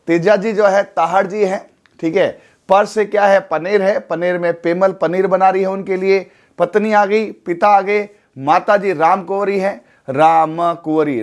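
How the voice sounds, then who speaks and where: A man gives a classroom lecture for exam students. His voice sits a little high. He talks in a relaxed, chatty way, firing short questions and answering them himself. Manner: chatty, repeats and quizzes with quick questions. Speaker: exam coaching teacher.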